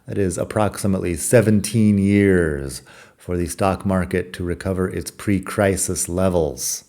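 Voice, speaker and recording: With a low-pitched, slightly slow, dark-toned voice, a middle-aged man from the United States reads aloud his own scripted personal essay on his podcast. His delivery is reflective, wry, and self-deprecating.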